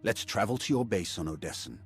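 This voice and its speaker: An actor playing a grave, menacing dark lord in a video game, speaking solemnly and formally. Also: male voice, on the low side, lively intonation, brisk, faint music behind. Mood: grave, ominous. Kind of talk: dramatic video game acting.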